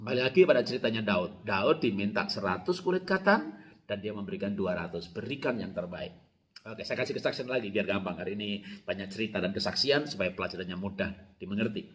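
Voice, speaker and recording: Animated Indonesian pastor preaching. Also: male voice, lowish voice, fast. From Java, Indonesia. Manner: storytelling with laughs and animated quoted shouts. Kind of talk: sermon.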